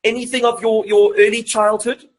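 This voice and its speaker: A man's voice: sits high, flat delivery, moderate pace. A man hosting a live interview, hesitant and repeating words as he asks questions.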